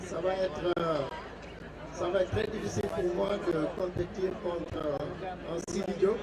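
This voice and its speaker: A man giving a formal ceremony speech, hesitant and full of pauses, heard through an outdoor loudspeaker. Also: high voice, steady tone, recorded from a distance. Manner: hesitant, many filler pauses. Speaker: guest speaker at a graduation ceremony. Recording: outdoor PA heard from afar, crowd behind.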